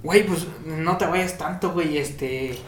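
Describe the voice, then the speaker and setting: A man's voice: a little high, measured pace, background noise. Man, lilting rural Mexican accent, jokey slangy chat, echoey room. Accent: Mexican Spanish, rural sing-song lilt. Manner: slangy, jokey, does voice impressions. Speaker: podcast co-host. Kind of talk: casual drinking chat.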